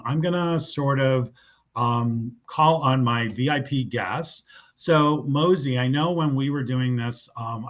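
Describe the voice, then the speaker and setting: A man hosting an online webinar, talking in an informal, loose way with many fillers over a video call. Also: medium pitch. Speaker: webinar host. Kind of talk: webinar presentation.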